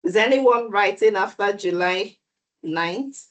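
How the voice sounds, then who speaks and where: Over a video call, a woman with a middle-pitched voice hosts an online exam prep session, speaking slowly and deliberately. She comes across as welcoming and measured, and the recording has its highs cut off.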